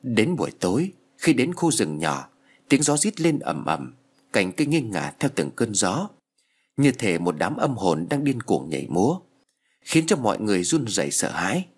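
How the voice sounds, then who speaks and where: A man narrating a horror story in an expressive, dramatic storytelling style. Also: lowish voice, normal speed, slightly rough. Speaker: audiobook narrator.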